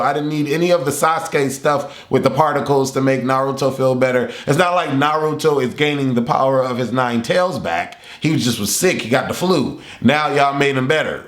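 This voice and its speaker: Male anime reviewer, casual and rambling, animated and laughing, middle pitch, recorded with room echo. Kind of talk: casual chat. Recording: roomy echo.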